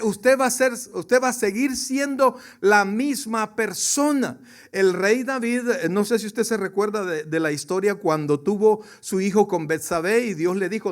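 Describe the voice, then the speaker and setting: Male pastor, high voice, emphatic sermon delivery with rising and falling volume, talks straight to the congregation. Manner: emphatic preaching, swings from soft to loud; addresses the congregation directly, asks questions.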